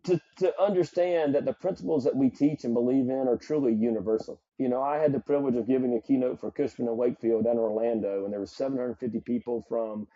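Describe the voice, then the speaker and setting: A man's voice: medium pitch, fairly even intonation, fast, few pauses, warm tone, no echo, muffled recording. A middle-aged man from South Carolina with a Southern accent, a psychologist speaking earnestly and reflectively as a podcast guest. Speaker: psychologist and performance coach guest. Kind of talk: podcast interview.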